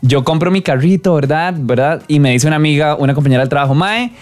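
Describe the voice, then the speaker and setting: A young man with a Costa Rican accent, chatting casually as a podcast co-host and telling animated stories through bursts of laughter. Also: fairly high pitch, quick pace, soft background music. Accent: Costa Rican Spanish. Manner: animated storytelling with frequent laughs. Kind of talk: casual chat.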